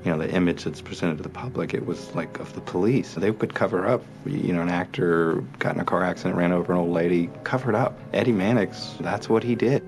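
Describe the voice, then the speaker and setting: A man's voice: low-pitched, fairly quick, hardly any pauses, music in the background. A man explaining old studio-era ways in a conversational documentary interview.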